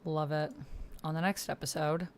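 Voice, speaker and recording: A woman with a deep, steady voice talks at normal speed, a little hiss or hum audible. She's hosting a text-based roleplaying game, bantering informally with slang and plenty of expression as she follows the typed roleplay.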